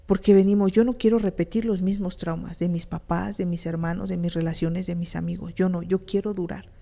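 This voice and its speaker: A woman's voice: lowish voice, steady tone, fairly quick, creaky, dark tone. A woman with a Mexican accent giving a blunt, emphatic motivational talk on a radio show, full of crude slang and runs of rhetorical questions.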